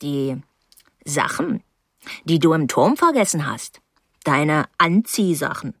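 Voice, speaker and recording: A woman reading puts on a nosy old night nurse who drawls her gossip slowly in a lowish voice. She sounds sly, and the audiobook recording is dry and close. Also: sing-song, vocal fry, no echo, full character voice.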